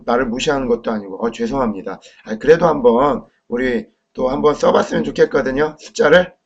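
A man teaching a language lesson in a friendly classroom manner, asking viewers quick questions and modeling sounds out loud. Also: medium pitch. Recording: dull lo-fi recording.

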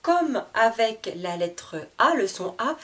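A woman teaching an early reading lesson, saying each word slowly and clearly, breaking it into syllables and repeating it. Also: on the high side, sing-song, a bit bright. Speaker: French teacher. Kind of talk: slow, deliberate reading lesson. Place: classroom with whiteboard.

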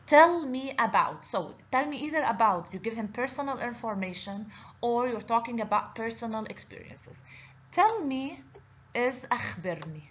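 Over lesson slides, a woman teaching Arabic online speaks in an animated, fairly bright voice on the high side, at normal speed. She goes patiently step by step, tossing in frequent "okay?" checks. The voice-over sounds lo-fi and slightly dull, with faint hiss.

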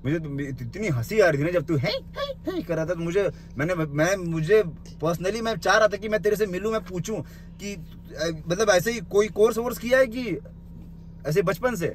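A man's voice: high voice, moderate pace, a little hiss or hum. A young man in a small room delivering an angry, insulting rant into his phone, mocking and confrontational. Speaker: social media commentator.

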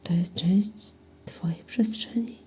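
A woman guiding a breathing meditation in slow, soothing whispered instructions. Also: lowish voice, warm tone. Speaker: meditation guide.

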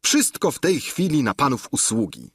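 Man voicing an excuse-making innkeeper, lively, husky, audiobook. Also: medium pitch, normal speed, no room sound, studio quality, voice pushed up. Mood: evasive. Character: evasive boastful innkeeper, man. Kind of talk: audiobook reading.

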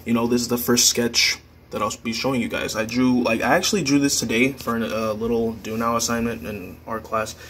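A man's voice: mid-range voice, little pitch movement, fairly quick, fairly bright tone, slight background noise. A teenage young man chatting casually in a vlog, joking and correcting himself as he rambles along. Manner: jokey, rambling, self-correcting. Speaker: vlogger.

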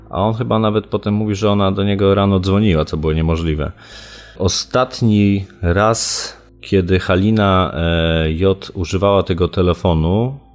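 Speaking as an interviewed commentator, a very deep-voiced man walks through a criminal case. He talks off the cuff and hesitantly, his explanations frequently interrupted by filled pauses.

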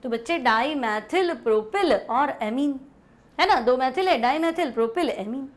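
Female teacher from India, high voice, patient step-by-step board lesson that repeats terms and questions itself. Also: lively intonation. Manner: explains step by step, repeats terms slowly, asks and answers herself. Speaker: chemistry teacher.

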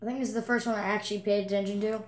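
A woman's voice: mid-range voice, steady tone, racing. Woman game streamer, chatty let's-play commentary, echoey room. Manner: chatty, reacting aloud and reading on-screen text.

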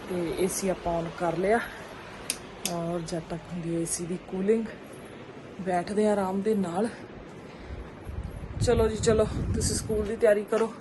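A woman in her thirties with a Punjabi accent, chatting casually to viewers and family as she narrates her home vlog. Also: mid-range voice. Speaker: family vlogger, mother. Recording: clear background noise, household and outdoor ambience.

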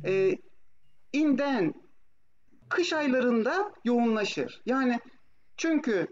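High-voiced Turkish woman teaching German. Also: animated, takes it slowly, a little mellow. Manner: explanatory, often checks with questions. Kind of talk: online lesson mixing Turkish explanation with German examples. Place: online video class with screen share. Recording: muffled, noisy online call audio.

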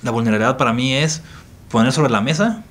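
A man's voice: mid-range voice, fast talker, fairly bright tone. A man, a priest with a Mexican Spanish accent, speaking in a reflective podcast interview with an earnest tone and repeating phrases for emphasis. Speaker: priest guest.

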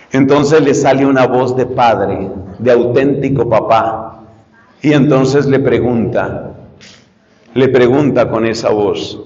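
A man's voice: medium pitch, big-room sound, muffled recording. A man preaching a sermon, speaking straight to his listeners and repeating key phrases. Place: church retreat hall.

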